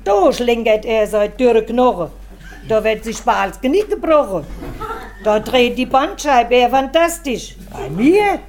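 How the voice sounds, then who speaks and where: A woman delivering a rhymed comic monologue in a wry, deliberate way. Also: a little high, sing-song, darkish tone. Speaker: comedian. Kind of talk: rhymed comic monologue about her husband.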